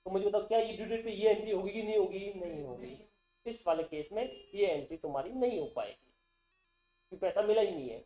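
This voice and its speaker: A man's voice: high-pitched, expressive, fairly quick, soft background music. A male accountancy teacher giving a classroom lecture, constantly asking the class questions and repeating terms back. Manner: quizzes the class with call-and-response questions. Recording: dull, roomy classroom recording.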